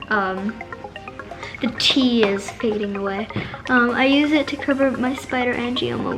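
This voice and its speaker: High-voiced woman chatting through a makeup tutorial. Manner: chatty, frequent fillers, self-correcting. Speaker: makeup vlogger. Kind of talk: casual makeup tutorial chat. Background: background music.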